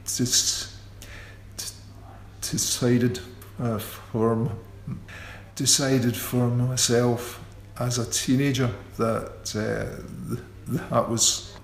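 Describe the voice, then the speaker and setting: A musician guest on a radio interview talks slowly and thoughtfully, stammering with repeated sounds and restarts. His gravelly mid-range voice holds a level tone, and the echoey room has faint ambient noise.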